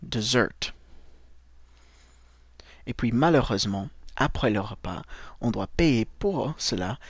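A man teaching a language lesson, speaking slowly and carefully, repeating words and spelling them letter by letter. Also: mid-range voice, animated, slightly rough, no room sound, clean studio sound. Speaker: English teacher.

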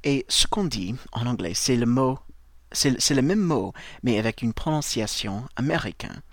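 A man teaching a language lesson, speaking slowly and carefully, repeating words and spelling them letter by letter. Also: mid-range voice, animated, vocal fry, dry recording, studio quality. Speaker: English teacher.

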